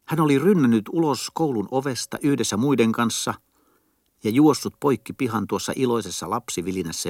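A man narrating a classic children's story in a calm, measured way. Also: on the low side, no echo, studio quality. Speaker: audiobook reader.

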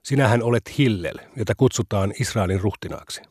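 A man's voice: lowish voice, darkish tone, breathy edge, dry recording, studio quality. A man voicing a pushy, mocking man who keeps pestering a sage in a read-aloud story. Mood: goading. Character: pushy, mocking young male provoker.

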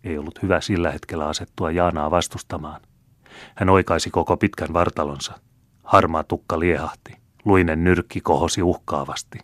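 A man reads a classic tale aloud as an audiobook narrator, in a measured, even manner. His voice sits very low, and the close studio recording is dry, with no room sound. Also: dry recording. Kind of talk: scripted narration.

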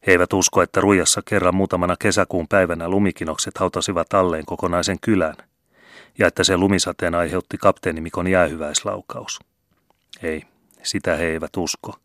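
Deep-voiced man reading a folk tale. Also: a bit bright, no room sound, studio quality. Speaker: audiobook reader. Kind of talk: literary narration.

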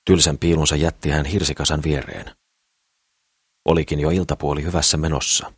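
A man reads a novel aloud with a measured, even delivery. His voice sits extremely low and sounds husky, captured dry on a close studio mic. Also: no echo. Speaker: audiobook narrator. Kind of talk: scripted narration.

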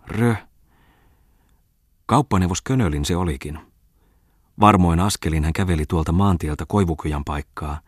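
Low-voiced male audiobook narrator. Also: no room sound, studio quality.

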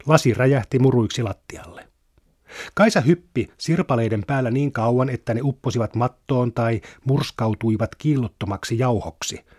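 A man reading literary fiction aloud in a measured, even narration. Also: mid-range voice, husky, no room sound, studio quality. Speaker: reader.

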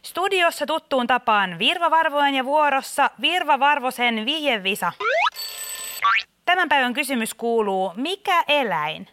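A woman's voice: sits high, very animated, exaggerated voice. A woman playing an exasperated radio quiz host who keeps catching her mother on the line. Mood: chirpy. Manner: bright presenter patter, scolding. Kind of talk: radio comedy sketch.

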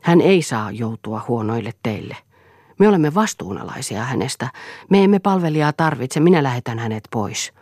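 A woman's voice: rumbling low, animated, a little mellow, husky, dry recording, studio quality, exaggerated voice. A woman playing a tense, firm wife. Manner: firm, restrained, pleading. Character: tense, controlled, reproachful wife. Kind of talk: audiobook character voice.

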